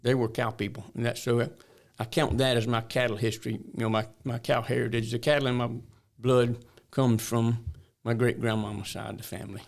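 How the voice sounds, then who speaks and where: A man's voice: mid-range voice, flat delivery, a little fast, creaky, few pauses. An older man from north Florida with a rural Southern drawl, telling stories in a folksy way as an interview guest. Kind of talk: storytelling interview talk.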